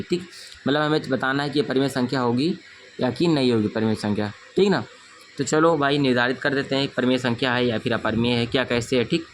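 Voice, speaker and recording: A man's voice: medium pitch, a little hiss or hum. A young man teaching a school math lesson, who keeps checking "okay?" and calls his students dear children. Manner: repeats "thik na" often, addresses students as dear children.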